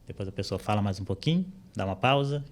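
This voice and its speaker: A Brazilian man with a somewhat low voice talks in a relaxed, explanatory way, full of small fillers. He is a podcast guest in a studio, recorded close on a studio microphone. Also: fast. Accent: Brazilian Portuguese. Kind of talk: casual interview chat. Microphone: studio microphone with headphones.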